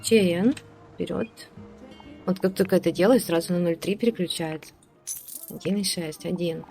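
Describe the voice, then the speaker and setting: A woman's voice: on the low side, steady tone, moderate pace, warm tone, faint music behind. A woman giving casual gameplay commentary, chatting along and ordering her game characters around, with hesitant fillers. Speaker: let's play host.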